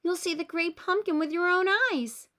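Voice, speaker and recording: A woman's voice: extremely high pitch, normal speed, fairly bright tone, voice pushed up. A woman voicing an earnest, hopeful little boy, sincere and eager, in a children's storybook. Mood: glad, sure.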